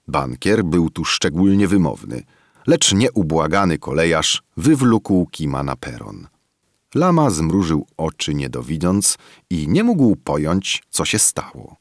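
A man with a very deep voice reads a classic novel aloud, his tone rising and falling with lively expression. The recording is close and dry, with no room sound. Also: no room sound. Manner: measured, expressive storytelling. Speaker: audiobook narrator. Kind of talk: literary audiobook narration.

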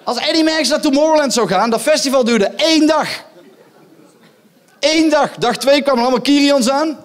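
High-voiced stand-up comedian, mocking. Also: male voice, normal speed. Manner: loud, mocking, goading the audience with rhetorical asides. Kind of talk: live stand-up performance. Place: theatre stage.

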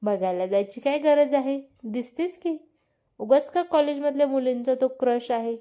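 A woman voicing a young wife who is quick-tempered and chatty, scolding in a lively way. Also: high-pitched, lightly acted.

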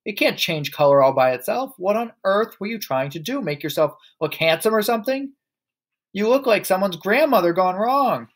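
Man voicing a shrill, scolding middle-aged wife. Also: expressive, moderate pace. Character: shrieking, scornful middle-aged wife and mother.

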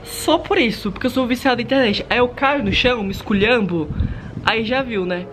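A young man with a Brazilian accent, vlogging in an excitable, dramatic way, talking straight to his viewers into a handheld camera. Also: extremely high pitch, fairly quick, slight background noise. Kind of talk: casual vlog talk to viewers.

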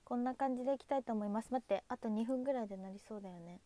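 A young woman idol livestreamer chats casually, reading out viewer names, thanking them, and waving goodbye as she says goodnight. Her voice sits on the high side with a dark tone, and she talks at a racing pace. The recording is dry.

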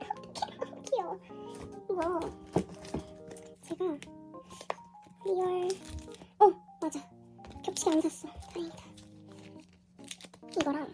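Vlogger, female, voice-changed into a very high chipmunk pitch, hoarse underneath, gushy, music bed behind. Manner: squeals and gushes often. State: hoarse from illness. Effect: pitch-raising voice changer. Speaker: album unboxing vlogger. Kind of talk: casual excited unboxing chat.

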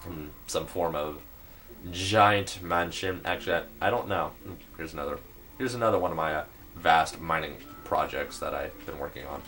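A man's voice: extremely low pitch, normal speed, fairly bright tone. A young man casually narrating his game building, rambling with lots of fillers and hesitations. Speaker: gameplay video maker.

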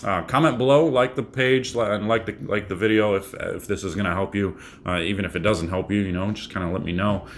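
A man in his thirties, a bowling coach, giving a casual tip to camera from a small room at home, talking in a relaxed, rambling way with fillers and restarts. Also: on the low side, brisk, hardly any pauses, a little hiss or hum.

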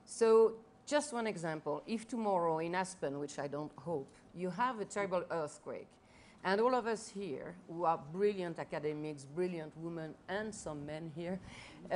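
A French woman in her fifties who heads a foundation speaks earnestly on a panel before a live audience in a large festival tent. Her low, darkish voice carries a French accent, and she often restarts and repeats her words. There's slight background noise.

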